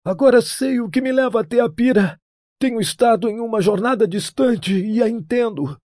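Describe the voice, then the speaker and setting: A tormented young king on his deathbed, his voice pushed very high into a strained wail. He pleads desperately and then orders with imperious urgency. The tone is dark and dry, with no room around it. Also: normal speed, dry recording. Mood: urgent. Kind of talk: audiobook character voice.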